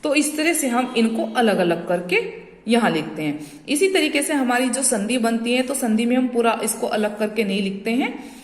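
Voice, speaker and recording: A woman's voice: a little high, animated, moderate pace. A woman teaching a school grammar lesson, explaining patiently, stretching out example sounds and checking that students follow. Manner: addresses students as "beta". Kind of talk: classroom-style grammar lesson. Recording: echoey room with long reverb.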